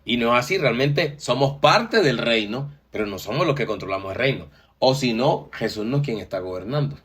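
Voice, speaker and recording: A man's voice: medium pitch, animated, fairly quick, a bit bright, slightly rough. Man, mid-range voice, explanatory church talk, filler-heavy. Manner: explanatory, repeats "o sea" and "entonces". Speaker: co-host.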